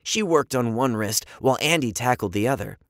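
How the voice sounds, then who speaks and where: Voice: medium pitch, animated, brisk, no echo, clean studio sound. A storyteller reading a children's story aloud expressively, acting out sound effects. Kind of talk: storybook narration.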